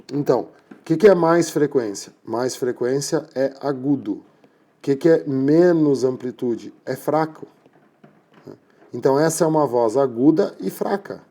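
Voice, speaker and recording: In a mid-range, dark-toned voice, a male physics teacher lectures his class with patient explanations. Almost every point ends with a check-in such as "tá?" or "né?".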